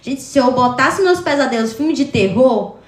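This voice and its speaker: A woman's voice: sits high, normal speed, echoey room. A woman telling a personal story casually to her live viewers, acting out the voices from her dream. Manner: animated, acts out quotes from her dream. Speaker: TikTok live streamer.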